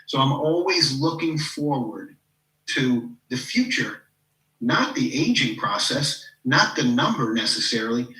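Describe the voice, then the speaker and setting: A man's voice: medium pitch, animated, unhurried, bright, forceful tone, echoey room, recorded from a distance, rough recording. A man in his fifties, a podcast guest and coach, talking reflectively in a casual interview and leaning on "you know". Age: 50s. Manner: reflective, leans on "you know", acts out quoted people. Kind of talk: casual interview talk with personal stories.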